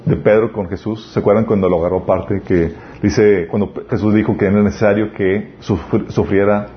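A man's voice: on the low side, fairly even intonation, fairly quick. A man preaching a sermon, earnest and full of rhetorical questions. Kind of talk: sermon on parenting. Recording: slightly dull lo-fi recording with faint noise.

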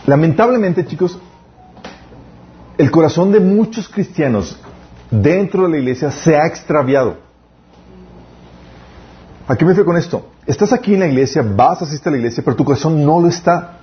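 A man giving a casual sermon as youth pastor, full of restarts and slowed emphatic phrases. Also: a little high, expressive, muffled recording. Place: church.

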